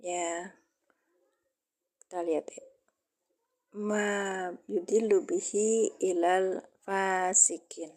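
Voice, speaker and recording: Woman teaching Arabic grammar on a livestream; slow, chatty, mid-pitched. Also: fairly even intonation, a little mellow. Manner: slow, chatty, answers viewer comments. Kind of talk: casual livestream lesson.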